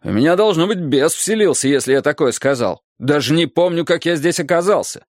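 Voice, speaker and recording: A man's voice: a little high, lively intonation, fairly quick, dry recording, studio quality, pitched above the performer's own voice, close to an everyday voice. A man voicing a flustered middle-aged school principal who talks in a blustery, defensive way.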